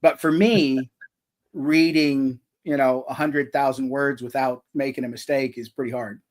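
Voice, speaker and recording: Chatting on a live stream, a male author and audiobook narrator describes his home recording setup, poking a little fun at himself and restarting often. His slightly high voice is steady and measured, captured by a cheap stand mic inside a foam sound box.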